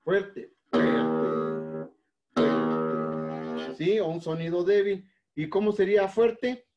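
A male music teacher with a Mexican accent speaks slowly and patiently, with a mellow, slightly raised voice. He explains things step by step and fills his pauses with "este". The recording is dull and lo-fi. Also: a little high. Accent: Mexican Spanish. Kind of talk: recorded online class.

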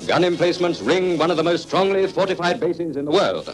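A man's voice: fairly high pitch, expressive, fairly quick. A man announcing in an old wartime newsreel, in a rousing, declamatory propaganda style. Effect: old newsreel narration. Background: loud music.

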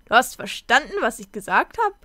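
Curt bossy storybook she-wolf, woman reading it, fairly high, dry. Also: big pitch swings, fairly quick, a bit bright, no room sound. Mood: stern.

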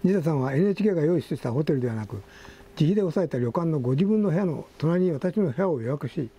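A man's voice: fairly high pitch, lively intonation, fast, warm tone, breathy edge. An older man hosting a casual talk show, reading magazine articles aloud with asides and self-corrections. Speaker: magazine editor and host.

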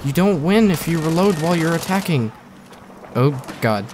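A man's voice: a little high, animated, moderate pace. A young man giving casual, joking, rambling commentary over his own gameplay, often sarcastic. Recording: faint gunfire and game noise behind.

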